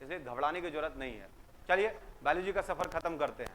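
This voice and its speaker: A man's voice: fairly high pitch, animated, fast talker, a bit bright, slight background noise. A man teaching a class, telling jokes and quizzing students and repeating their answers back. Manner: joking storyteller, fires questions at students and repeats their answers.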